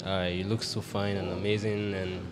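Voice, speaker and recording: A man's voice: low-pitched, flat delivery, brisk. A man on a dating game, flirting eagerly. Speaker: contestant. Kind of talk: casual chat. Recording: crowd noise around him.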